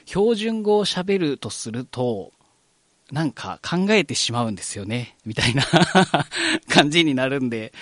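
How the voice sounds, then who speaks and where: A man's voice: medium pitch, fairly bright tone, no room sound. A man hosting a live radio program, speaking with a Kagoshima accent in a chatty, friendly way. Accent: Kagoshima dialect. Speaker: radio host.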